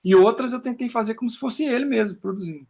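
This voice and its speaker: Gravelly high-voiced Brazilian man. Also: fast talker, darkish tone. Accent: Brazilian Portuguese. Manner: rambling, with frequent "né?" tags and stammered repeats. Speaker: poet talking about his book. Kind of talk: casual interview chat while showing his work on screen.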